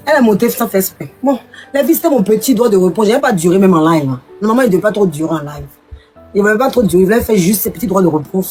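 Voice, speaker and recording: A woman ranting on a live stream, firing her words off at a rapid clip. She lashes out at her critics and keeps hammering the same points. Faint music runs underneath. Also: medium pitch, a little mellow, husky. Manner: combative, repeats her points. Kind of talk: heated live stream rant.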